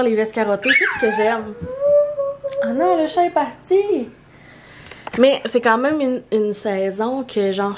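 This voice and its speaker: A woman's voice: medium pitch, background noise. A young woman with a Québécois accent, chatting casually at home in a morning vlog, rambling with lots of fillers and restarts. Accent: Québécois French. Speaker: vlogger.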